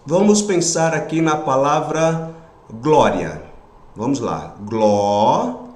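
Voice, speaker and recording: A man teaching a grammar lesson in Brazilian Portuguese, patient, pausing often to check that students follow. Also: a little high, sing-song, reverberant.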